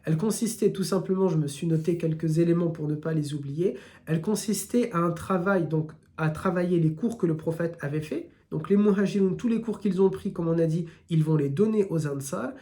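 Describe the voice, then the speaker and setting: An Islamic teacher with a southern French accent gives a live religious lesson, speaking directly to his listeners and building points through repeated lists. His voice is fairly high and dark-toned, and he talks a little fast.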